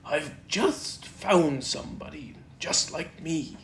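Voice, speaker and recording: A reader voicing Tigger, a bouncy, cheerful, boastful young male tiger who talks loudly, in a storybook reading. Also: medium pitch, expressive, slow pace. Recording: roomy echo, faint background noise.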